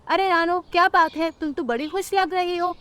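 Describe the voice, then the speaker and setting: A woman's voice: extremely high pitch, steady tone, normal speed, fairly bright tone, slight background noise, pitched above the performer's own voice. Woman doing a caring young male bird. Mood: concerned. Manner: soothing, reasoning, concerned. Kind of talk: cartoon storybook voice acting.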